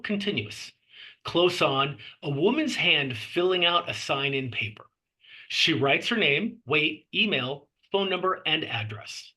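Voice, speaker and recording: A man with a fairly high voice and a bright, forceful edge serves as narrator at a screenplay table read, voicing the stage directions.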